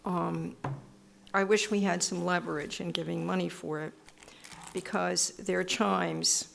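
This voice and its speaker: A woman's voice: lowish voice, steady tone, measured pace, gravelly, a bit bright, slight background noise. A woman on a town selectboard, insistent and cutting in to be heard during a meeting. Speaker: selectboard member. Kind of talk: town board meeting discussion.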